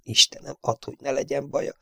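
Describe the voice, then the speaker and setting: A man's voice: mid-range voice, steady tone, vocal fry, slightly rough, no room sound, studio quality, pitched above the performer's own voice, exaggerated voice. A man voicing a conscientious male flight engineer who whispers a frightened prayer. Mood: hushed prayer. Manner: tense oath, then hushed prayer.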